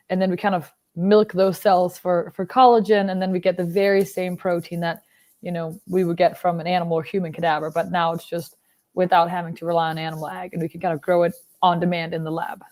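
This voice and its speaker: In a lowish voice, a young woman who founded a biotech startup in Denmark gives interview answers. Her delivery is laid-back and explanatory, peppered with fillers.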